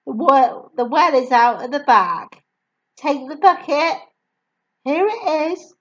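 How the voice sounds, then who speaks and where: A woman voicing a kind, gentle schoolteacher in a storybook reading. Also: sits high, animated, slow, highs cut off, pitched above the performer's own voice, heavily acted. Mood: instructing.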